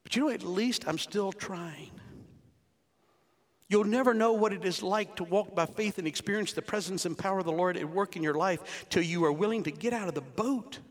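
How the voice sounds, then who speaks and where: A man's voice: high voice, normal speed. A man in his sixties, a pastor preaching a conversational sermon with rhetorical questions to his congregation in a church. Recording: long hall reverb.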